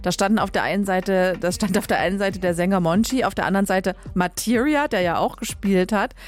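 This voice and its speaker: This young radio music show host from Leipzig speaks in a mid-range voice, a little fast, chatting casually with frequent fillers and corrections to herself. She's recorded on a studio microphone.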